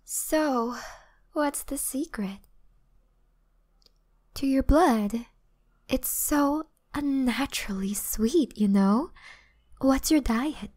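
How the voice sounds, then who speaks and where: A woman playing a flirtatious, gentle but predatory female vampire in an ASMR role-play, teasing and softly boastful. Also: high-pitched, extremely slow, long pauses, exaggerated voice. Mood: teasing, admiring.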